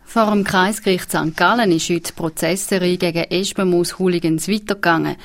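A woman with a Swiss accent reading regional radio news in a studio, steady and measured. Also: fairly low pitch, faint music behind. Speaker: newsreader.

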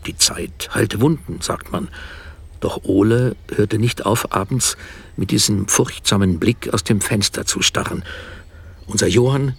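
A middle-aged man telling a haunted first-person story to his wife in a radio drama, hushed and often dropping toward a whisper. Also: fairly low pitch, measured pace, vocal fry, breathy edge.

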